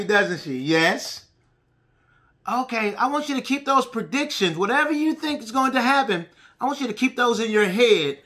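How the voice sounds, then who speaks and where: Reading to a pre-K class, a woman pauses to ask the young children simple questions and enunciates important words with emphasis. Her voice sits in the mid range and sounds pushed and bright.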